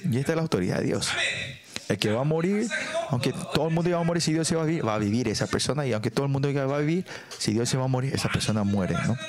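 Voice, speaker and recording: A man delivers a sermon at a church service, pausing over scripture readings and tossing in frequent tag questions and fillers. His voice sits at an ordinary middle pitch. The congregation can be heard clearly around him. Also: crowd noise. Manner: reads scripture slowly and deliberately. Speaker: preacher.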